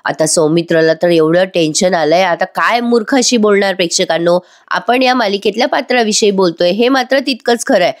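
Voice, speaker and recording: A woman's voice: medium pitch, fairly quick. Chatty woman recapping a TV serial. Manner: chatty, addresses viewers. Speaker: TV serial reviewer. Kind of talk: voice-over episode recap.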